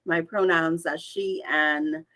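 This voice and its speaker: A woman from the islands, a guest speaker introducing herself on a video call, energetic and expressive. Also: low-pitched, slow, low-quality recording. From Bahamas. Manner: energetic, expressive, listing words in lively runs. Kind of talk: upbeat conversational self-introduction.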